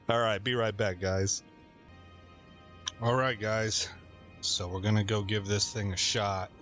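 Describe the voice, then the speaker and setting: A man with a fairly low voice talks his way through a game run in a loose, rambling way, chatting to his viewers as he plays. He often breaks into laughter at his own stories. Faint game music sits behind his voice. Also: a bit bright. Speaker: gaming channel host. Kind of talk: casual game commentary.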